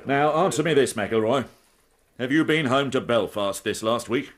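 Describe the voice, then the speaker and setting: A man's voice: medium pitch, moderate pace, lightly acted. An actor playing a dogged, suspicious police inspector in a period radio drama, formal and sceptical as he interrogates. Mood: stern, suspicious. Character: stern, suspicious, dogged male Scotland Yard police inspector.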